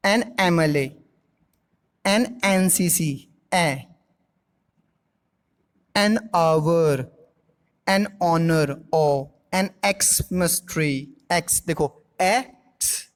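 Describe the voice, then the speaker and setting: An Indian man teaching a grammar class at an unhurried pace, spelling out each example phrase slowly and clearly. He explains with patience and keeps checking that his students follow along. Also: high-pitched. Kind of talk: classroom-style grammar lesson.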